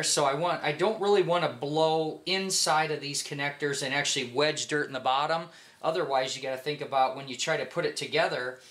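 Speaking from a home garage workshop, an American man in his forties teaches an informal, hands-on mechanic lesson in a conversational, instructive way, often pausing to ask questions. His voice is on the high side and a bit bright.

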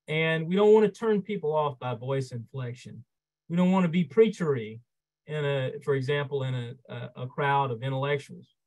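A man, a trial lawyer, giving an instructional webinar talk, expressive and measured, shifting loudness and pace to stress his points. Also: medium pitch, poor audio. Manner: measured, explanatory, occasional fillers.

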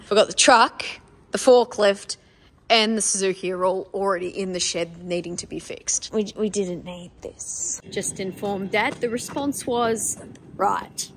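A young Australian woman in her twenties, a farm vlogger, chats casually about farm work into a phone camera held at arm's length, wry, blunt and swearing freely. Her voice is medium-pitched and a little slow, with a faint hiss or hum. She films from her car, on a tractor and out in the paddocks.

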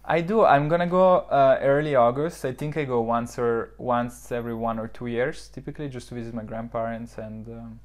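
In a steady, medium-pitched voice, a little fast and with hardly any pauses, a startup founder in his twenties from southern Switzerland answers podcast interview questions thoughtfully. His speech has lots of fillers and restarts, picked up by a lapel mic indoors in a modern office lounge.

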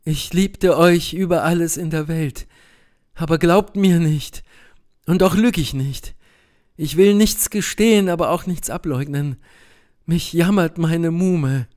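A man's voice: fairly high pitch, a little slow, darkish tone, close to an everyday voice. A man voicing a passionate young noblewoman, fiery and grieving, in an audiobook reading with impassioned outbursts. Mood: sorrowful.

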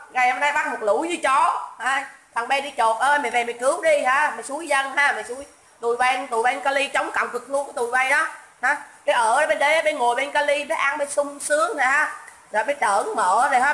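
A woman's voice: sits high, bright, forceful tone, echoey room, rough recording. A woman, ranting on a livestream, mocking and scolding with insults and repetition. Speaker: livestream host. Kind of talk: political rant livestream.

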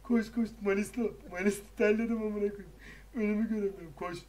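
High-voiced young man barking game commands. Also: fairly even intonation, darkish tone. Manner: rapid repeated commands, swearing and laughing. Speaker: raid commander in an online game. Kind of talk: shouting commands over game voice chat.

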